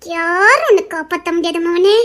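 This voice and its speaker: ஒரு பெண் நடிக்கும் அதட்டும் இளம் மணப்பெண். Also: female voice, extremely high pitch, moderate pace, a bit bright. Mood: menacing. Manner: mocking, commanding. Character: bossy young bride, teasing and domineering. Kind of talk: comedy web-series acting.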